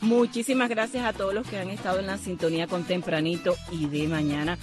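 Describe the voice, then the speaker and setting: A woman's voice: on the low side, fairly even intonation, a little fast, music in the background. A woman from Cuba, hosting a morning radio show and signing off with chatty thanks to listeners. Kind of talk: casual radio sign-off chat.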